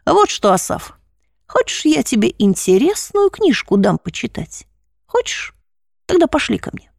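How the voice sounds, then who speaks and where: A woman's voice: a little high, sing-song, measured pace, creaky, darkish tone, no room sound, studio quality, exaggerated voice. A woman voicing a tall, broad-shouldered male seminarian who is confident, friendly and reassuring.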